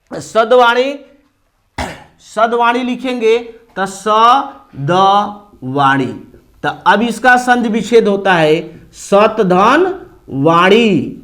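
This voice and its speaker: A man's voice: sits high, fairly bright tone. A man teaching a Hindi grammar lesson, explaining step by step and asking and answering his own questions, with an eastern Uttar Pradesh accent.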